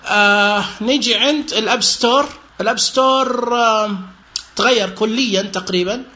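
High bright man explaining. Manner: thinking aloud, halting and explanatory. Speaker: presenter demonstrating a phone app with a screen reader. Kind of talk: casual tutorial walkthrough.

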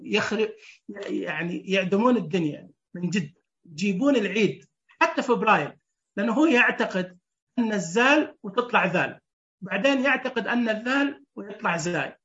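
Woman teaching braille online, counts dots out loud, keeps checking in with the class, sound kinda muffled. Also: mid-range voice. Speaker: Braille instructor.

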